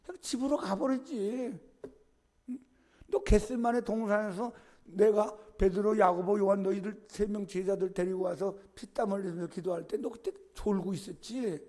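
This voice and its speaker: Give me a calm, soft-spoken teacher gently questioning a disciple, as a man preacher plays him. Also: high voice, moderate pace, close to an everyday voice. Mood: gentle.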